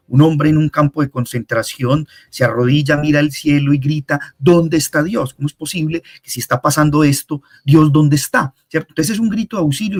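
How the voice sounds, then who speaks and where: Man, husky voice, slightly high, measured, hesitant, professor being interviewed. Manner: measured, explanatory, with frequent hesitations. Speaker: researcher and university professor, guest. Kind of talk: reflective interview answer.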